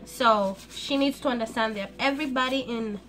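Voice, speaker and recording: Filmed on a phone set on the counter of her small kitchen, a young woman with a foreign accent and non-native English hosts a relaxed, chatty cooking vlog full of animated stories. Her voice is on the high side at an ordinary speed, with a little hiss or hum in the audio.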